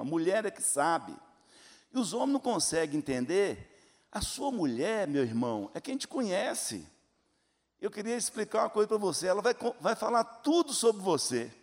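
An older male preacher with a fairly high voice delivers an emphatic sermon. He tells stories and acts out the voices of the people in them. His words ring out with a long reverb from a large hall. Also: very animated, moderate pace. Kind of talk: sermon with storytelling.

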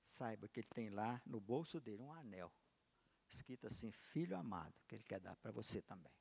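A man's voice: on the low side, animated, a little fast, vocal fry, slightly rough, long reverb tail. A man preaching a sermon, telling a personal story and acting out its dialogue with big swings in voice and volume. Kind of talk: sermon with acted testimony.

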